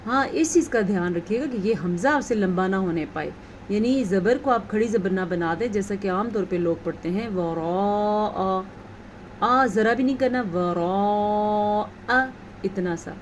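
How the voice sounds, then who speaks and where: A woman teaching a tajweed lesson, explaining rules patiently and reciting words slowly. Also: medium pitch, animated, a little hiss or hum.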